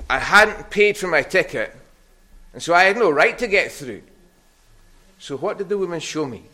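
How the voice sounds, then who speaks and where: A middle-aged man with a Scottish Hebridean accent, giving a conversational children's sermon as an animated story with questions to his listeners. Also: a little high, moderate pace. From Harris, Scotland. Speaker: preacher giving a children's talk.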